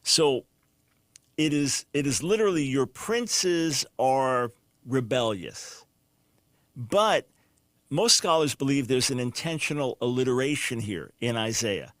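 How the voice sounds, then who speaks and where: A man's voice: mid-range voice, animated, moderate pace, fairly bright tone, no room sound. An older man hosting a call-in talk show, explaining Bible translation in an emphatic, teaching way and often repeating a word as he restarts a phrase.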